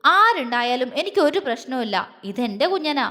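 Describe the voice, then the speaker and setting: A woman's voice: sits high, animated, moderate pace, bright, forceful tone, big-room sound. A woman voicing a young man who talks to his wife tenderly and teases his sister, in a story reading. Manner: tender and affectionate, mock stern. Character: tender, teasing young husband.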